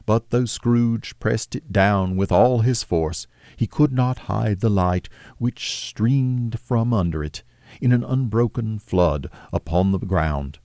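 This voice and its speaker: An audiobook narrator reads a classic novel aloud from a script in a measured, steady way. His voice is deep, dark and mellow, recorded close and dry with no room sound at all.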